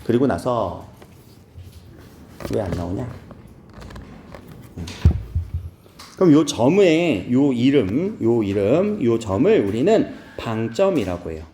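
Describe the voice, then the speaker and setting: This Seoul lecturer sounds very animated yet speaks slowly, pausing often, in a mellow, medium-pitched voice. While teaching his class he asks students questions and slips in playful remarks. The room echoes, and there's a little hiss or hum.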